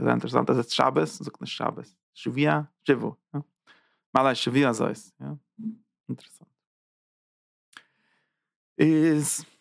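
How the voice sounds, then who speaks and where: A man delivers a Torah lecture, his voice gravelly and his pitch in a middle range. He often repeats phrases and checks in with listeners through short "ja?" asides. The recording sounds dry and close. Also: no room sound. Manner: tags points with quick "ja?" checks; repeats and restarts phrases while building an idea. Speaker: rabbi teaching Zohar.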